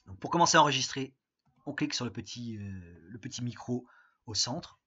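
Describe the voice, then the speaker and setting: French guy teacher doing a remote lesson, husky voice, kinda dull lo-fi sound, lots of ums. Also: medium pitch, lively intonation, a little fast, sharp tone. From France. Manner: patient, step-by-step instructions with many fillers. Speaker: English teacher. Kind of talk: recorded remote lesson with screen walkthrough.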